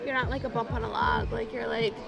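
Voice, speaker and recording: A woman's voice: fairly high pitch, steady tone, fast, gravelly, music in the background. A woman in her twenties chatting casually in a couples Q&A, giggly and tipsy as she playfully bickers. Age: 20s. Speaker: girlfriend in couples Q&A vlog.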